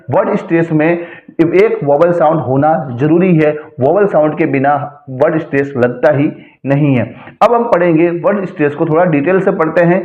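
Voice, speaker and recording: High-voiced man teaching over a tinny line. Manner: slow, explanatory, repeats words for pronunciation. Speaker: English grammar teacher. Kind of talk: slide-based lecture. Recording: echoey room, tinny phone-like sound.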